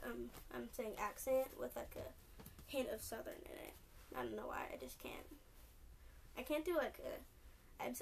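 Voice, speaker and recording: A young woman from California with a Californian accent, rambling in a casual solo podcast full of "like" and "um". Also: fairly high pitch. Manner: rambling, lots of "like" and "um", restarts often. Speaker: podcast host. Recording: distant mic with faint noise.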